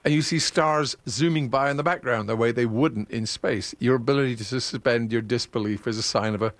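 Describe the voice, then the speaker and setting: A man's voice: medium pitch, fairly quick, dry recording. A man hosting a casual radio chat, talking in a chatty, digressive way and laughing at his own asides. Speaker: radio host.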